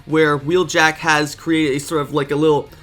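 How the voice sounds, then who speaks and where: A man's voice: fairly high pitch, level tone, normal speed, a bit bright, soft background music. A man with a congested, stuffy voice, talking eagerly and casually as a video reviewer, often correcting himself mid-sentence. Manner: eager, enthusiastic, self-correcting.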